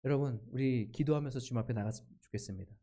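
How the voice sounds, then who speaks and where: A man's voice: medium pitch, racing, dark tone. A middle-aged man preaching a sermon as pastor, telling stories and acting out prayers and quotes in shifting voices.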